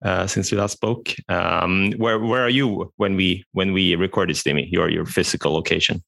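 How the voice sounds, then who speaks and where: A man's voice: low-pitched, steady tone, moderate pace, gravelly, a bit bright, no echo. A man from Sweden co-hosting a casual podcast, wry and joking, often stumbling and restarting his sentences. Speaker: podcast co-host.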